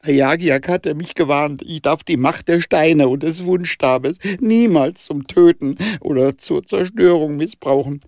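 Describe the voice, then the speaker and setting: A man voicing an impulsive young male adventurer, talking fast and defensively. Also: medium pitch, dry recording, clean studio sound, lightly acted. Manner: defensive, excitable.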